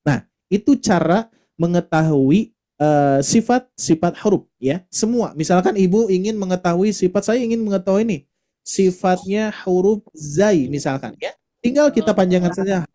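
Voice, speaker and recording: A man teaches a recitation class online, explaining each point patiently and sounding out letters for his students. His voice sits a little high but comes across dark and mellow. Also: normal speed.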